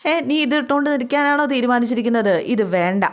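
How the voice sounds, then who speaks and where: A woman voicing a fond old grandmother who cannot walk, pleading and gently scolding. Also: fairly high pitch, quick pace, natural voice. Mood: coaxing.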